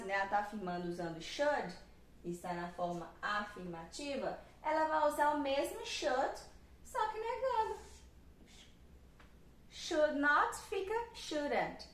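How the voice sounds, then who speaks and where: A woman's voice: a little high, fairly bright tone. Patient Brazilian woman teaching English grammar. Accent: Brazilian Portuguese. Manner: patient, repeats examples slowly, checks in with "né?". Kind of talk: explaining grammar on a whiteboard lesson. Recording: echoey room, voice from a distance.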